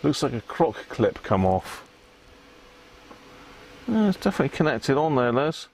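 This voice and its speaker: The recording is rough, carrying a British man's sing-song, slightly mellow mid-range voice at normal speed. Hosting a live repair stream, he mutters casually to himself while working and frequently adds tag questions.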